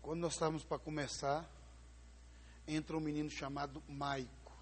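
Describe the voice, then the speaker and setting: A man from preaching a sermon as pastor, telling a story and acting out the voices, swinging between loud and hushed. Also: a little high, level tone, normal speed, a little hiss or hum. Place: church sanctuary. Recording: live in a large church with long reverb.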